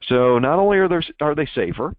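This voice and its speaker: A man's voice: fairly high pitch, animated, brisk, dry recording. A man giving a technical presentation, with frequent fillers and the odd self-deprecating joke. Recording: tinny phone-like line, dry.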